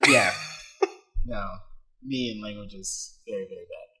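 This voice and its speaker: A man's voice: medium pitch, big pitch swings, measured pace, creaky, pushed and bright. A young man co-hosting a podcast, chatting casually, joking and rambling with lots of fillers. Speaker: podcast co-host. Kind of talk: casual chat.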